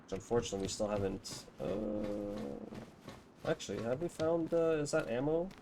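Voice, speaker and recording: A young man streams a game and chats casually and warmly with strangers he runs into. His voice is medium-pitched and animated, his pace moderate, and there is noise in the background.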